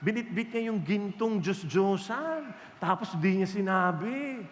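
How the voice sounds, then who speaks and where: A man preaching a sermon to a large gathering, telling stories in an animated, joking way. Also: sits high, unhurried, a little hiss or hum. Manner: animated storytelling with jokes. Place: large hall with an audience. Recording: echoey hall reverb.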